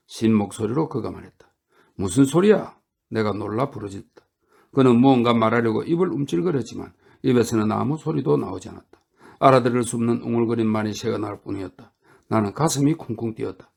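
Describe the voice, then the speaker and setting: Gravelly male audiobook narrator. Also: medium pitch. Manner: calm, steady reading.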